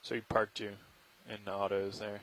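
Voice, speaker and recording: A man's voice: lowish voice, flat delivery, moderate pace, a bit bright, slight background noise, low-quality recording. A man giving terse, practical technical instructions as a vehicle pilot. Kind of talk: technical radio chatter.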